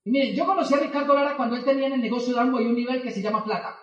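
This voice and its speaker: A motivational speaker tells a story to an audience, lively and acting out the quoted dialogue. His voice is extremely high and racing, and the lo-fi recording comes from a far-off mic in an echoey hall.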